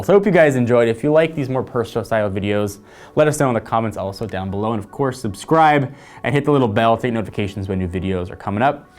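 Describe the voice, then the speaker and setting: A man hosting a casual tech vlog, chatting upbeat and direct to his viewers. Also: medium pitch. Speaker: channel host. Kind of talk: casual vlog talk to camera.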